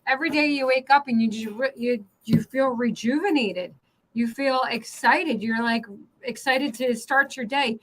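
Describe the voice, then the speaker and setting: Chatty woman co-host, high voice, tells stories all animated. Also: moderate pace, low-quality recording. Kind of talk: casual chat.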